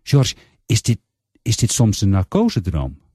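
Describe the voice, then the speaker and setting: A man's voice: lowish voice, wildly swooping pitch, a little slow, warm tone, slightly rough, no room sound, studio quality, exaggerated voice. A man voicing a bewildered, stammering young male patient in a story he reads aloud. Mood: anxious. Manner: hesitant, stammering.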